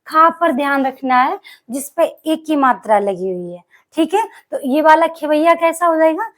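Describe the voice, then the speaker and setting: A woman teaching an exam-prep spelling lesson, who asks the class questions and answers them herself and slowly stretches out the key words she stresses. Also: high voice, very animated.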